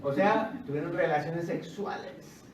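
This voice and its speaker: Preacher, male, high voice, chatty and jokey, heard from off-mic with a faint hum behind. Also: a little slow. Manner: lively, conversational preaching with joking asides; rises loudly when reading scripture. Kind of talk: sermon. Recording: roomy and distant with faint ambience.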